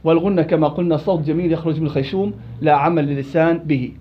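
A high-voiced man runs a Quran recitation lesson at a fast clip, calling on his students by name. He moves quickly from question to question. The recording is dull and lo-fi. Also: slight background noise. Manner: lively, quizzing students by name. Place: indoor study circle.

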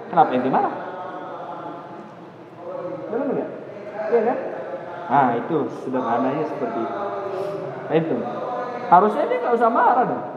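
A man teaching a religious study lecture, lively, often checking with his listeners whether they follow. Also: a little high. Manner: lively, asks the audience "paham?" often, talks with them. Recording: echoey hall, dull muffled sound, noisy.

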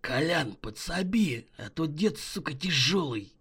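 A man voicing a hoarse, hissing, excitable male criminal in a horror story, full of coarse slang. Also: extremely high pitch, measured pace, voice pushed up, full character voice. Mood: urgent. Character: wheezy jittery male criminal on the run.

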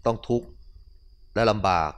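A man, a Buddhist monk, giving a morning dharma talk as a relaxed, conversational story with casual asides. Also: normal speed.

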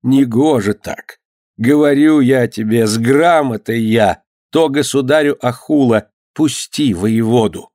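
A man voicing a grave middle-aged clerk who speaks in a measured, admonishing way. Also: medium pitch, darkish tone, no room sound, clean studio sound, natural voice.

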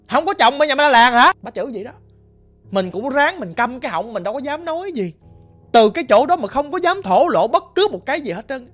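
A woman with a Southern Vietnamese accent telling a ghost story in a lively, emphatic, conversational way. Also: a little high.

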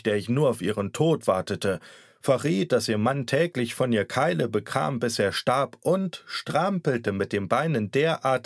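A man's voice: mid-range voice, dry recording, studio quality. A man narrating a satirical story as an audiobook reader, in a wry, theatrical manner. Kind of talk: scripted narration.

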